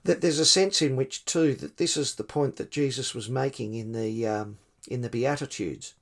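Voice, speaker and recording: A man's voice: medium pitch, moderate pace. A man taking part in a Bible study discussion, speaking hesitantly and searching for words, with stumbles and restarts. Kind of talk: reflective group discussion.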